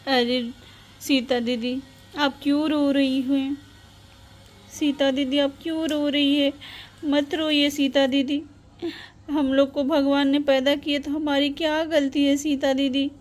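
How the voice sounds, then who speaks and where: A woman's voice: high voice, level tone, unhurried. A woman voicing a sweet little sister who comforts and defends her older sisters, pleading.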